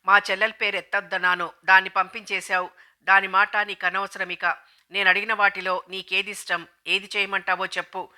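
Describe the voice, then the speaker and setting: A woman's voice: mid-range voice, little pitch movement, brisk, bright, forceful tone. A woman voicing a furious husband who threatens his wife with a knife, reading his lines with menacing, snarling commands. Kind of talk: audiobook dialogue reading.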